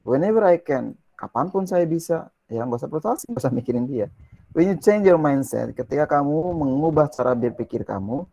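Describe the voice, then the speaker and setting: A man with a gravelly, mellow voice teaches a relaxed language lesson. He reads English phrases slowly, then explains them in quick, chatty Indonesian and asks his listeners questions. The sound is close and dry. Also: a little high, no echo, rough recording.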